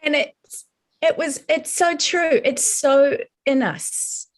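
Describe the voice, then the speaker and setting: A middle-aged woman with a broad New Zealand accent, telling her story conversationally in an earnest, halting, emphatic way. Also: high-pitched. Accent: broad New Zealand (Kiwi). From born in Colombia, raised in New Zealand from age seven. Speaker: podcast guest, advertising professional.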